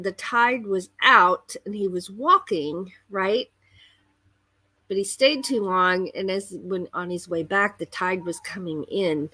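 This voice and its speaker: A woman talking casually as host of a livestream, telling rambling stories in an expressive way. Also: medium pitch, dry recording. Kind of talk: casual chatty livestream monologue.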